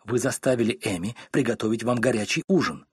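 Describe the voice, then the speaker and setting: Cool, firm woman friend, read by a man: low, quiet, stern, dry close sound. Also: fairly quick, breathy edge, no room sound. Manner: calm, cold and firm.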